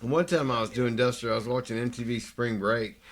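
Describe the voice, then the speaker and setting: A man hosting a podcast, telling wild stories in an animated, profane way. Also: medium pitch, fairly quick, slight background noise. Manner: animated, swearing storyteller. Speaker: podcast host. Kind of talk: casual chat.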